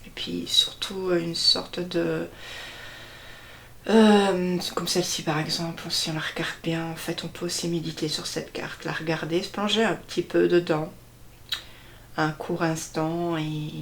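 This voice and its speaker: A woman slowly presenting a deck of cards one by one, hesitating often and stressing each card name. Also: on the low side, steady tone, a bit bright, a little hiss or hum. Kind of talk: casual card unboxing walkthrough.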